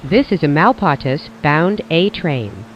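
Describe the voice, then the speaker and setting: This is a scripted train announcement, delivered in a measured, formulaic way yet with a lively pitch. Faint vehicle sounds run beneath a dull-sounding recording.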